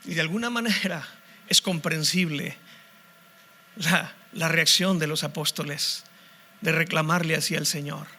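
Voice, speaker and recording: A man's voice: fairly high pitch, measured pace, sharp tone, slight background noise. A man preaching a sermon as pastor, passionately posing one rhetorical question after another.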